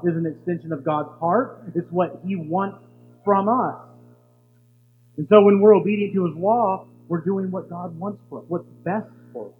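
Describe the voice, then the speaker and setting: A pastor with a high voice preaches a sermon and poses rhetorical questions as he teaches. The sound is thin and phone-like, carrying a long hall reverb and a faint hum underneath.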